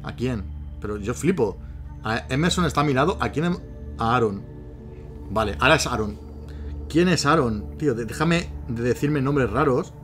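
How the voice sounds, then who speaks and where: A man's voice: mid-range voice, expressive, normal speed, long pauses, fairly bright tone, soft background music. A man with a Spain Spanish accent gives casual, chatty commentary as he chats with a bot. He giggles often and keeps breaking into laughter. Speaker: YouTuber.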